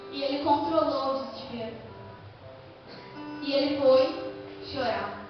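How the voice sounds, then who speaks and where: A young Brazilian woman preaching a sermon in a church, animated, acting out people's reactions as she speaks. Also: sits high, measured pace, over music. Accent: Brazilian Portuguese. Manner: animated, acts out quoted reactions in her own voice. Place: church hall. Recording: echoey church hall, far from the mic, dull sound.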